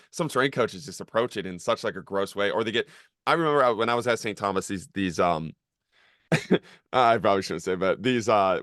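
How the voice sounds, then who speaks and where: A young man hosting a podcast, talking casually in a rambling way full of fillers and swearing, and getting animated as he goes. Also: on the low side, dry recording, studio quality. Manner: rambling, filler-heavy, profane, gets animated. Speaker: podcast host, former college strength coach.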